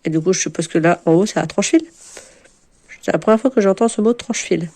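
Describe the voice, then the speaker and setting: Woman in her forties, from France, mellow low voice, rambling, self-mocking vlog chat. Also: fast talker. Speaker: book vlogger. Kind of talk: casual chat to camera.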